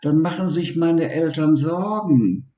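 A man voicing a gentle, worried young boy in a storybook reading. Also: slow, reverberant, dull audio. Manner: raised childlike pitch, anxious.

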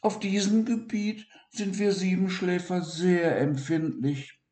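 Man putting on a squeaky shy little dormouse guy, sniffly, slow storybook read, roomy sound. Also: steady tone, mellow. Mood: sad. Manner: sniffling, stammering. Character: small timid male dormouse, anxious and hopeful. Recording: roomy echo.

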